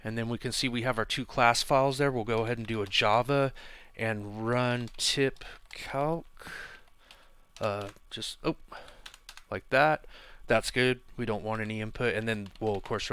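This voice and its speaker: Relaxed man talking through code. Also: fairly low pitch, moderate pace, clear, resonant tone. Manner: relaxed, thinking aloud with fillers while typing. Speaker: programming instructor. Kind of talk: casual screencast coding tutorial.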